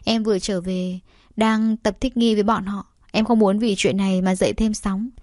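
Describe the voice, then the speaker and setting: A woman voicing a calm, resolute young woman in an audiobook story, speaking directly and evenly. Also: mid-range voice, normal speed, no echo, clean studio sound, lightly acted. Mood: gentle.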